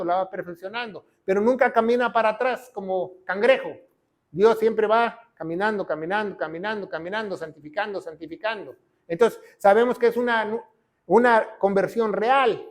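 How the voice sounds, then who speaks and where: In a strikingly high voice, a pastor delivers an emphatic sermon that swings from loud proclamations to soft, low lines. He keeps checking in with listeners using short tag questions.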